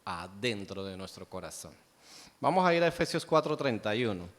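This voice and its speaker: A man's voice: fairly low pitch, sing-song, a little fast. A man preaching a sermon as pastor, firing rhetorical questions at the congregation and answering them himself. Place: church sanctuary. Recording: long church hall reverb.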